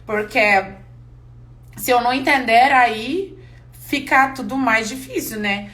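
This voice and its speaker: High-voiced chatty woman teaching English. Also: slow pace. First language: not Portuguese. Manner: chatty, candid, expressive. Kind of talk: live online class.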